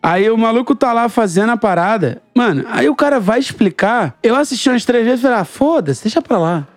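A man's voice: extremely high pitch, fairly quick, no echo, soft background music. A Brazilian man telling anecdotes casually on a podcast, with lots of slang and swearing. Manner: slangy, sweary, animated storytelling. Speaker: podcast speaker.

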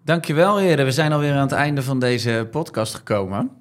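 A man's voice: mid-range voice, animated, brisk. Male podcast host, mid-range voice. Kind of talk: casual chat.

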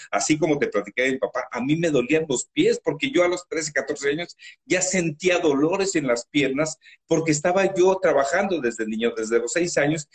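A man with a Mexican accent, a guest in an interview, telling stories from his life in a loud, animated, emotional way. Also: mid-range voice. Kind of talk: emotional storytelling.

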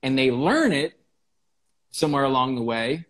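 A man on a podcast explains his ideas in a relaxed, conversational way. He keeps checking in with "right?" and swears casually. His voice sits at an ordinary middle pitch. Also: moderate pace. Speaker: podcast guest.

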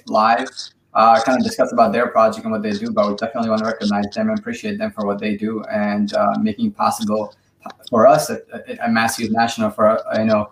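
Friendly, halting male podcast host, lowish voice, roomy recording with faint hiss. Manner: friendly, halting with many fillers. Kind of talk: casual podcast chat. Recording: echoey room with faint noise.

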